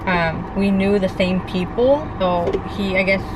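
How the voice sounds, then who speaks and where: Speaking a little slowly in a mid-range voice, a young woman from California co-hosts a couple's vlog, telling a story in a loose, chatty style heavy with "likes" and restarts. Cars and street sounds can be heard outdoors behind her.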